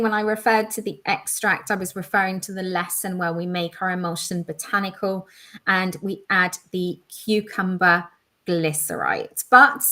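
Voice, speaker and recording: An enthusiastic woman co-hosts a live online quiz. She explains each answer at length in relaxed, chatty talk. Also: medium pitch. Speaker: education manager co-hosting a live quiz. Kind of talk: casual live-stream chat.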